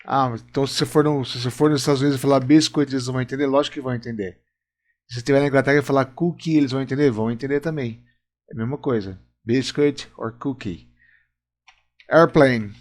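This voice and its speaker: A man's voice: medium pitch, steady tone, rapid-fire. A Brazilian man teaching English in a video lesson at a whiteboard, explaining step by step and often checking in with viewers. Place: room with a whiteboard.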